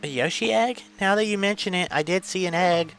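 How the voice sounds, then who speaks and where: A man's voice: sits high, fairly quick, fairly bright tone, soft background music, voice pushed up. A man voicing a chirpy theme-park game character, reading its dialogue in a playful, sing-song way.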